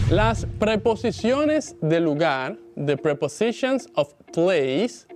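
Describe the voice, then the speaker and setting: A woman, an English teacher giving a recorded lesson. She speaks slowly and clearly and repeats words for students to copy. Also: low-pitched. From Dominican Republic. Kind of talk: recorded distance-learning lesson. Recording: faint music bed under the voice.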